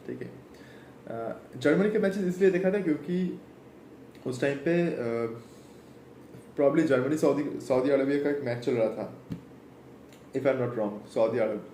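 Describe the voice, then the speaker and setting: A man's voice: medium pitch, mellow, roomy sound, a little hiss or hum, rough recording. A young man from Kolkata with an Indian accent, chatting casually about football in a rambling way, full of fillers and restarts. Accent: Indian English, Bengali. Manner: rambling, code-switching, many fillers and restarts. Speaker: football vlogger. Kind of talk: casual chat to camera.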